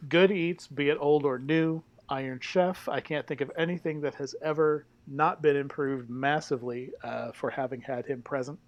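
A man's voice: on the high side, steady tone, normal speed, hardly any pauses. A man chatting casually as a panelist, earnest in his praise and playful with jokes. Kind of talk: casual chat.

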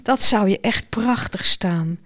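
A woman voicing a charming but controlling young man in a storybook, smooth and quietly commanding. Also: mid-range voice, takes it slowly.

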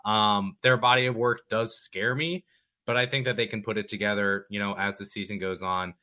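A man appearing as a guest on a sports podcast, talking casually and thoughtfully, often pausing with ums and correcting himself. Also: on the low side, steady tone, bright, forceful tone. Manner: thoughtful, hedging, many ums.

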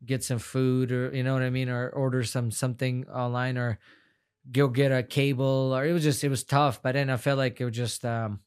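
In a laid-back interview, a young guest fighter from Afghanistan, whose native tongue is Farsi, speaks non-native English. His voice is smooth, medium-pitched and level at a normal speed, and he rambles, earnestly repeating words.

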